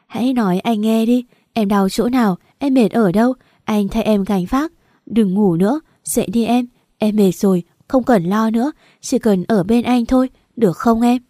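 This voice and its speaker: A tearful young husband, as a woman narrator reads him, pleading softly at his wife's hospital bed. The voice is mellow and dark, close and dry with no room sound. It is a storybook reading of a desperate, loving man. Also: fairly high pitch, normal speed, no echo, lightly acted.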